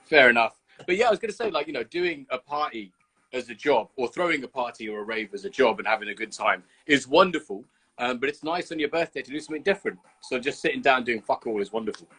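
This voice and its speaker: A man hosting a casual live-stream chat, sweary, jokey and excitable, heard over a video call. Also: quick pace, husky, low-quality recording. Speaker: host. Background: drum and bass music.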